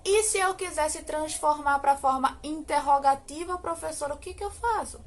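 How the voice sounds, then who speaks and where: A Brazilian woman with a fairly high voice and a Brazilian Portuguese accent teaches English grammar to children in a recorded online lesson. Between quick explanations she draws out model sentences slowly, asks rhetorical questions, and often says "ok?".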